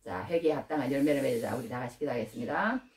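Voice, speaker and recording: Woman preaching a lively sermon in an echoey hall. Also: very fast. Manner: emotional, rising to high bursts, conversational asides. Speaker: pastor. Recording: roomy echo from far off.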